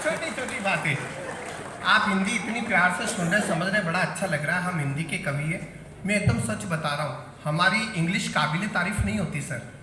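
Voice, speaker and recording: A man's voice: high-pitched, moderate pace, background noise. A man performing as a satirical poet in a live comic poetry recital, bantering with the audience on stage. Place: large hall on stage. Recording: echoey hall, faint crowd.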